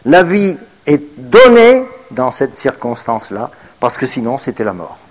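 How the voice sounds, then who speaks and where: French preacher swinging from bursts to murmurs. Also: male voice, medium pitch, sing-song, a little slow. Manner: swings from raised emphatic bursts to quiet murmured asides; reads scripture then comments, with hesitations. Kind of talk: sermon.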